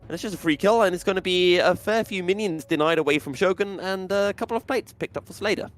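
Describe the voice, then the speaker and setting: Higher-voiced male esports caster over music. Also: fast. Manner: animated, dramatic calls. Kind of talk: live esports play-by-play commentary.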